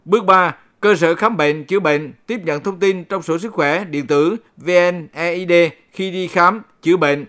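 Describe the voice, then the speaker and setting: A man reading a scripted public-information bulletin as a local radio announcer, in a formal, measured manner. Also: high voice, fairly bright tone. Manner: formal, measured read-aloud delivery.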